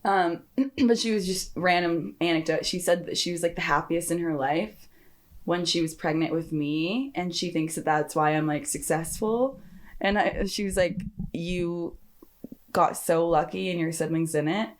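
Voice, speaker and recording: A woman's voice: lowish voice, measured pace. A young woman hosting a podcast, chatting casually and rambling with lots of laughter and "like". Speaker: podcast host. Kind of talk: casual chat.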